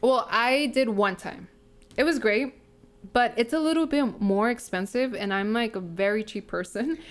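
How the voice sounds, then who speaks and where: A woman's voice: fairly high pitch, moderate pace. A woman in her thirties co-hosting a podcast, chatting casually and rambling with lots of fillers and restarts. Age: 30s. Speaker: podcast co-host. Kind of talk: casual chat.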